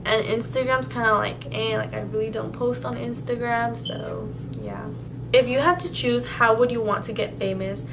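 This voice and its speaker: Noise fills the background as a young Spanish-speaking woman talks at normal speed in a slightly high voice. In her casual Q&A tag vlog she answers questions, rambling and restarting often, with many fillers.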